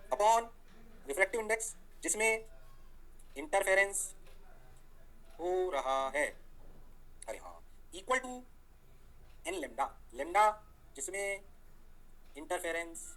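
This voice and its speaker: A man teaching physics, firing questions and answering them himself. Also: high voice. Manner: energetic, asks questions and answers them himself, voices the students' replies. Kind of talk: lively classroom lecture.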